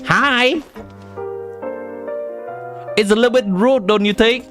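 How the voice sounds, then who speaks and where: A man's voice: extremely high pitch, slow. A man streaming a game and chatting playfully with his viewers, his voice run through an AI voice changer. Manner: chatty, playful, talks to chat. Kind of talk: casual live-stream chat over gameplay. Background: game music.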